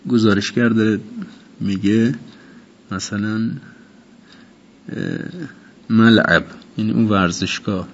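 A man teaching an informal vocabulary lesson, repeating each word slowly and explaining its meaning. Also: fairly low pitch. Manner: repeats words slowly and glosses them in Persian. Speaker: Arabic teacher. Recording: dull lo-fi recording with faint noise.

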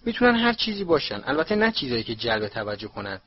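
A man's voice: mid-range voice, very animated, slightly rough. A man voicing a kindly middle-aged father who patiently explains things in a storybook reading. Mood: earnest. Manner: earnest, explaining. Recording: dull lo-fi recording.

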